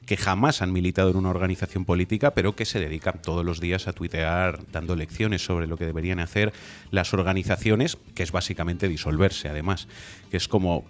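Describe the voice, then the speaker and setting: Deep-voiced critical man. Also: steady tone, fairly quick. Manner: critical, argumentative. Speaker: regular commentator. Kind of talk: political talk show commentary.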